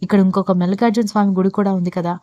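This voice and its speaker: A woman's voice: medium pitch, little pitch movement, rapid-fire, mellow, dry recording, natural voice. A woman voicing a suspicious, practical young woman questioning her friends. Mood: doubting. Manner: doubting, matter-of-fact.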